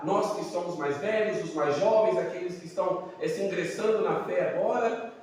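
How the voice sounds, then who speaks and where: High-voiced Brazilian pastor in echoey hall. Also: male voice, darkish tone, a little hiss or hum. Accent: Brazilian Portuguese. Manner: fervent preaching with emphatic rising declamations. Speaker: guest pastor. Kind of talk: sermon. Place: church sanctuary. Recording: echoey church hall from far off.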